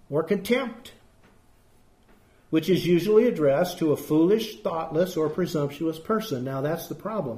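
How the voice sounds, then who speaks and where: A man's voice: a little high, mellow. A man preaching a sermon as pastor, emphatic and putting rhetorical questions to his congregation. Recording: echoey room.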